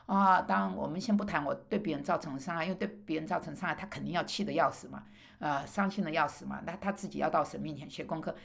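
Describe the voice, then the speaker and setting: A woman's voice: low voice, quick pace, gravelly. A middle-aged woman preaching a personal sermon, emphatic and rising on rhetorical questions, with hesitant fillers as she tells her story.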